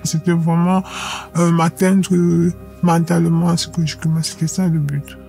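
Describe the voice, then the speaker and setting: A young woman tells her story in a calm, even voice that stays level in pitch. She speaks in a measured, reflective way and pauses to hesitate between thoughts. Soft music plays faintly underneath. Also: gravelly. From Cameroon. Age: young adult. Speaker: anonymous witness. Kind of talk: personal testimony.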